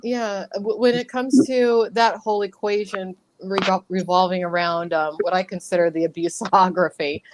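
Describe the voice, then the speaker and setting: A woman hosting a casual online chat, talking candidly and with emphasis, pausing now and then. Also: mid-range voice, steady tone, background noise. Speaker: host of an online talk channel.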